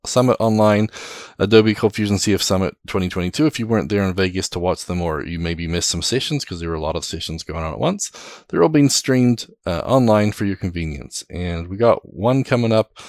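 A man hosting a tech podcast, leading segments in a relaxed, upbeat casual chat. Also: low voice, brisk, creaky, no echo, clean studio sound. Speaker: podcast host.

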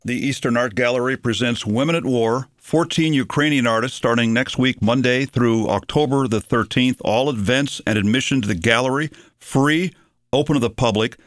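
A man's voice: mid-range voice, dry recording. Dry-voiced male radio host. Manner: measured, reads listings clearly. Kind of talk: radio interview and announcement.

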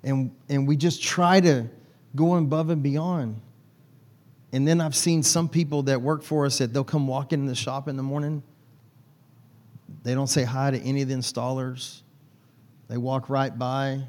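A man's voice: medium pitch, steady tone, unhurried, long pauses, darkish tone. A man preaching a conversational sermon in church, chatting with and teasing his congregation. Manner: folksy, teasing the congregation by name. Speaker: pastor.

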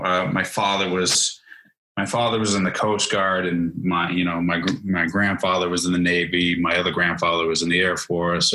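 Low-voiced, forceful man from New Hampshire, forties; chatty, filler-heavy interview guest. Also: low-quality recording. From New Hampshire, USA. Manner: rambling, many fillers and restarts. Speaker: guest, Army veteran. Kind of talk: casual interview chat.

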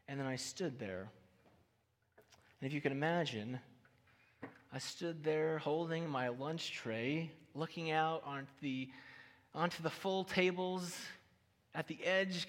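A man's voice: on the high side, fairly bright tone. A man preaching a sermon, telling a personal story with light humor and talking directly to the audience. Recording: reverberant hall.

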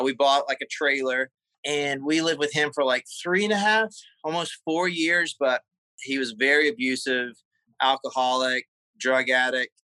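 A man with a Southern US accent, a guest in a personal interview, talking haltingly with many fillers and repeated words. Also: medium pitch, sharp tone, clear, resonant tone, dry recording, rough recording. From South Carolina.

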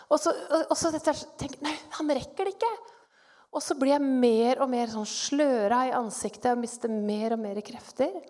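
A middle-aged woman giving a personal faith testimony, telling her story in an animated way and acting out her own thoughts. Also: on the high side, hardly any pauses. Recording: long hall reverb.

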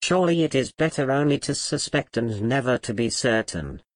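A man's voice: mid-range voice, lively intonation, normal speed, no room sound, natural voice. A man voicing a frail, malevolent old grandfather who taunts in a sly, knowing tone. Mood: taunting.

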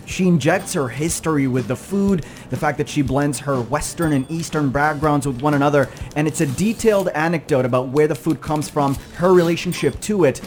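Relaxed male radio host. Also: fairly high pitch. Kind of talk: radio interview.

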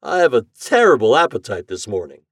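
A man's voice: medium pitch, very animated, brisk, no room sound, studio quality, pitched above the performer's own voice. A man reading a story aloud, voicing a good-humored father who jokes with his sons. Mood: jovial. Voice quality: jovial.

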